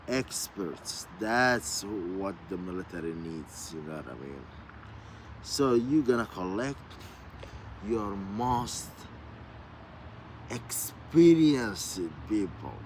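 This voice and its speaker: A man from Somalia with a fairly low voice talks casually to his viewers in a loose vlog. He circles back on his points and keeps checking in with "you know what I mean". It's recorded outdoors with clear street and vehicle noise behind him. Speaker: vlogger. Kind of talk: casual rambling monologue.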